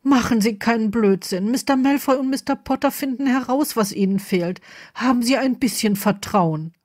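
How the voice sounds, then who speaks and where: A commanding older headmistress, as a woman reader puts her on, formal and urgent. Her voice sits noticeably higher than the narration. She speaks as a figure in a read-aloud story. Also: normal speed, a little mellow, close to an everyday voice. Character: stern but kind older female headmistress.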